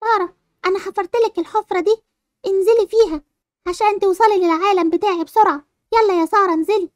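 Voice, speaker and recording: A woman's voice: extremely high pitch, fairly even intonation, fast talker, no echo, studio quality. A woman voicing the ghost of a dead girl friend who pleads and then menaces, in a dubbed game-animation movie. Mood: menacing.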